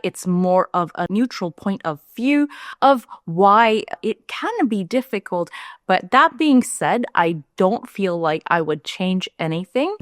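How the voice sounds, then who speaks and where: A woman's voice: no room sound, studio quality. A young woman from India, a vlogger talking candidly and chattily to camera. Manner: chatty and candid, lively rises in pitch. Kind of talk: casual talk to camera.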